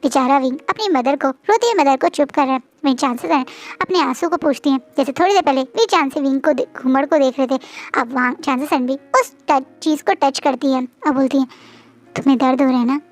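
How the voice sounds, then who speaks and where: A woman's voice: high voice, brisk. A woman narrating and explaining a fan fiction story in a chatty way, with frequent hesitations.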